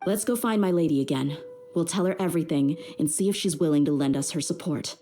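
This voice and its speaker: The actress talks fast in a low, dark voice, portraying a young mercenary woman who guards people in a game. Her delivery is direct and plain-spoken, and a little hiss or hum can be heard.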